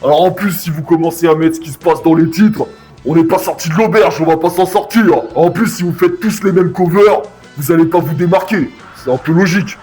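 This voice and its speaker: A man with a high-pitched voice delivers a casual video review. He rants bluntly in crude slang, talking straight at his viewers, with music behind him. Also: brisk, a little mellow. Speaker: YouTube anime reviewer. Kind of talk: casual review commentary rant.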